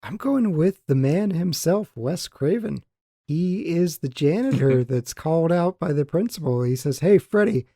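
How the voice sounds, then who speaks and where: A man co-hosting a movie podcast, talking through scenes in a relaxed, dry way. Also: fairly high pitch, measured pace, no echo. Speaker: podcast co-host. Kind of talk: casual movie-talk chat.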